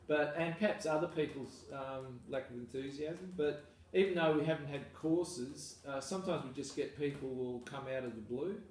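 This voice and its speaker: A man's voice: a little high, moderate pace. Australian man, farmer, easygoing and rambling, recorded from a distance, very echoey room, faint hiss. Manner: relaxed, rambling, self-deprecating. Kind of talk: casual interview. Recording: echoey room, mic far off, faint noise.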